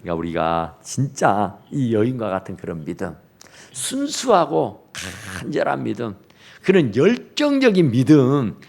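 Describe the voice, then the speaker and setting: A man's voice: high-pitched, husky. A middle-aged male pastor preaching a sermon emphatically in a church, acting out the dialogue of the people in his story. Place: church sanctuary. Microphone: TV camera recording.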